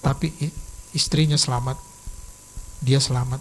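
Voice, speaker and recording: A pastor preaching a sermon and telling a personal testimony in a lively storytelling manner, swinging suddenly between soft and loud. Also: male voice, mid-range voice, normal speed, a little hiss or hum, low-quality recording. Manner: lively storytelling, acts out quoted dialogue.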